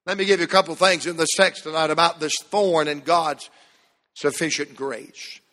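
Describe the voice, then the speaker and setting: High bright-voiced preacher, slow and emphatic. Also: male voice, fairly even intonation. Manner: emphatic preaching with dramatic pauses and falling phrase ends. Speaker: pastor. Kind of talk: sermon. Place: church sanctuary. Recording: long reverb of a large hall.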